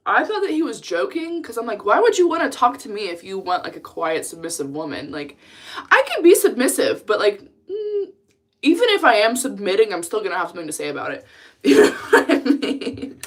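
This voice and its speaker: A woman's voice: medium pitch, huge pitch swings, a little fast, a bit bright, breathy edge. A young woman from the United States chatting casually on a live stream, blunt and talkative, laughing often as she reads the chat aloud. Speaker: livestreamer.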